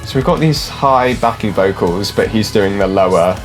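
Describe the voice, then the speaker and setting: Deep-voiced man giving chatty music reaction. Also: normal speed. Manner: chatty, hedging, filler "like", musical terms. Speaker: classically trained musician reacting to songs. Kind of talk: casual reaction commentary with music analysis. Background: faint music from the reacted video.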